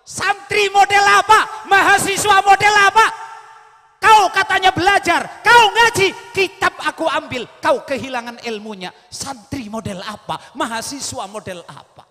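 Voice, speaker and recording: A man voicing a mocking male bandit leader, shouting and taunting. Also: very high-pitched, measured pace, long reverb tail, voice pushed up, heavily acted. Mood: scornful.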